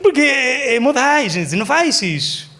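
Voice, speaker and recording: A man's voice: extremely high pitch, unhurried. A man preaching a sermon in church, telling stories and acting out quotes for laughs. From Argentina. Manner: lively storytelling, acts out quotes for laughs. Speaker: pastor. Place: church service.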